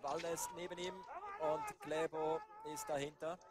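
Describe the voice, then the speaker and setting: A man doing live race commentary, building to excited calls near the finish. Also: fairly high pitch, unhurried, very noisy. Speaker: sports commentator.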